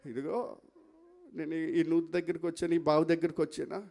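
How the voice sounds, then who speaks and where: An anxious, tearful young mother in a sermon story, as a preacher puts her on. She explains her fears in a plain, high voice. The delivery barely shifts from his own preaching. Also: little pitch movement, fairly quick, vocal fry, a little mellow. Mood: fretful. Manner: plain storytelling voice for a quoted character.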